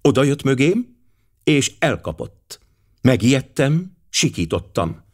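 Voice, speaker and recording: A man voicing a pert young French lady's maid with a French accent, coy and excitable. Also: mid-range voice, pitched above the performer's own voice.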